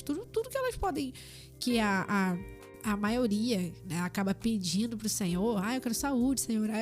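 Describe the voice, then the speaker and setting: A woman's voice: medium pitch, a little mellow. A woman with a Brazilian Portuguese accent, a tattoo artist and podcast guest, speaking earnestly and reflectively in casual chat.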